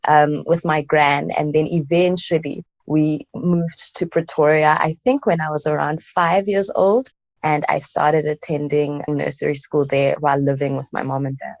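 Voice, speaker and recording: Low-voiced woman. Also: steady tone, normal speed, no echo. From South Africa. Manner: reflective storyteller, thinking aloud with soft fillers. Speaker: guest, anthropologist and poet. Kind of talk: casual interview conversation. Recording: dull, lo-fi and dry.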